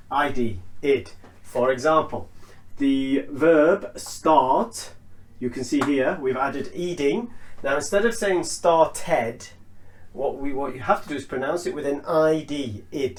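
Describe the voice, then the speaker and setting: A man teaching an English lesson, explaining slowly and deliberately and spelling out each sound. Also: mid-range voice, darkish tone. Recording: echoey room.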